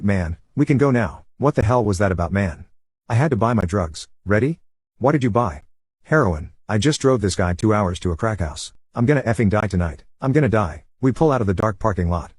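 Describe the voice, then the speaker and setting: A man reading a first-person story aloud as a scripted narration, with a brisk and steady delivery. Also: fairly low pitch, slightly rough, no room sound.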